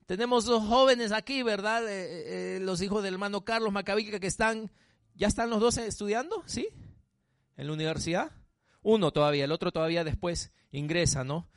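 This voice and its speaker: A man's voice: high-pitched, a little fast, no echo, studio quality. A male pastor preaching a sermon, emphatic, often asking the congregation questions.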